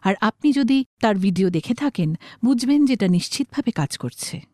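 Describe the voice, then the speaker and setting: A woman's voice: fairly high pitch, animated, moderate pace, a little mellow, dry recording, studio quality. A woman reading an explanatory script as a narrator.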